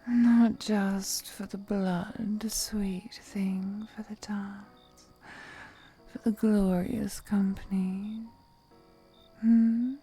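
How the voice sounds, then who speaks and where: Grateful and playful, an ancient vampire seductress played by a woman whispers slowly and breathily over background music in an intimate roleplay audio drama. Her mellow, medium-pitched voice moves little in pitch, and the heavily acted performance is flirty, possessive and teasing as she purrs endearments.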